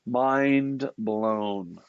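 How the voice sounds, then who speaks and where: A man's voice: fairly low pitch, extremely slow, smooth, lo-fi sound. A man co-hosting and producing a podcast, sounding nasal from a cold, upbeat and joking in casual conversation.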